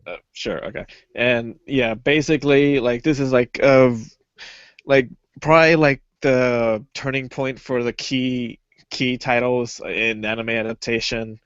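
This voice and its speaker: A man's voice: medium pitch, fairly even intonation, measured pace, clean tone, no echo. Rambling young man, dull lo-fi sound. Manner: rambling, filler-heavy, hesitant. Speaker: podcast co-host. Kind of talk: casual chat. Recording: dull lo-fi podcast audio.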